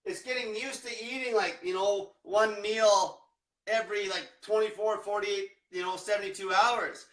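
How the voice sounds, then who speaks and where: Casting: young male diet coach, blunt profane ranter, high voice, echoey room, distant mic. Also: fairly even intonation, normal speed, fairly bright tone. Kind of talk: livestream rant.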